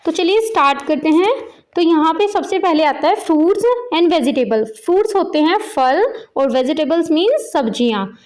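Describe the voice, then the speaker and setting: A woman's voice: very high voice, animated, darkish tone. A woman, patiently explaining a children's textbook lesson as a teacher. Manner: slow, patient word-by-word explaining.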